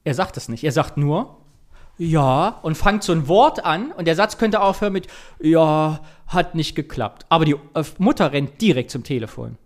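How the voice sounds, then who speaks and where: A man's voice: a little high, animated, moderate pace. A man co-hosting a casual film podcast who leads the segments and argues his reading of the scenes. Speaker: podcast co-host. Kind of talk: casual film-discussion chat.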